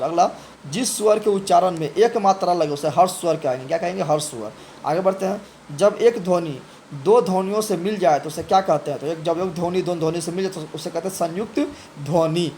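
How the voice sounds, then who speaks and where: A man's voice: high voice, a little mellow. A man teaches a grammar lesson. He asks each question aloud, answers it himself, and often repeats words and restarts his sentences. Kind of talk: grammar lesson for exam revision. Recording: faint background noise.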